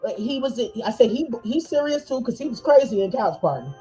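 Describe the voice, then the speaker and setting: A woman hosting a casual podcast from home. Her voice sits high and mellow, and she jokes and laughs loudly with her guest. Faint music runs underneath. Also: a little fast, low-quality recording. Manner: loud, laughing, animated banter. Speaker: podcast host. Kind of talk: casual chat. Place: home, eating on a livestream.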